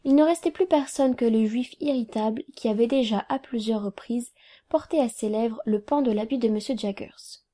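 A woman reading a novel aloud in a calm, even, quietly measured narration. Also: a little high. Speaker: audiobook reader.

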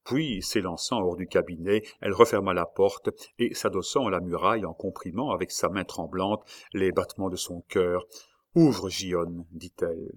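A man narrating a classic novel aloud in a measured, literary way. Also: low-pitched. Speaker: audiobook narrator.

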